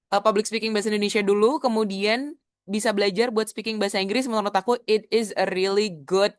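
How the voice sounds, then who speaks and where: A woman's voice: mid-range voice, dry recording, clean studio sound. A young adult woman, a public speaking coach, teaching a casual webinar lesson over a video call. She mixes in English phrases and demonstrates vocal techniques.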